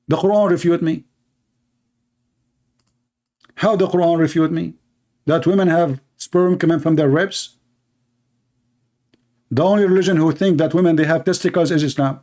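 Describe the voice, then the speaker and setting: His voice sits high and has a slightly mellow quality. He's a debate show host whose native tongue is Arabic, leading a live English-language online debate with sneering, sarcastic emphasis.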